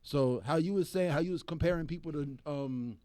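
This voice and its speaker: A man co-hosting a podcast in casual chat, animated and laughing often as he acts out quoted voices. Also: fairly high pitch, a little fast, clear, resonant tone, no room sound, clean studio sound. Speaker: podcast co-host.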